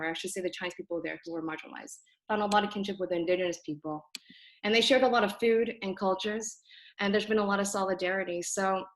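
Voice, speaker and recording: A young woman in Toronto, Canada, a native Cantonese speaker, hosts a community video call from her apartment via her computer, introducing the online group talk casually and earnestly. She speaks thoughtfully, with frequent ums and self-corrections, in a lowish, fairly bright voice on a rough recording.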